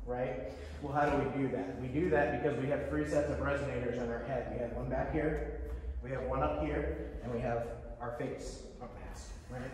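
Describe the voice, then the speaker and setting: A man leading a choir rehearsal warm-up as vocal coach, explaining resonance and breaking into short sung vowel sounds. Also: medium pitch. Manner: demonstrates sung vowel sounds between instructions. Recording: echoey hall heard from far off.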